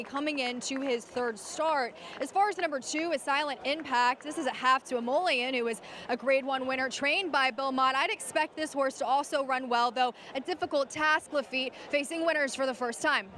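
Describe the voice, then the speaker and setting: A woman's voice: sits high, pushed and bright, a little hiss or hum. A woman giving a live horse racing preview as an analyst on a broadcast. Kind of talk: live race preview commentary.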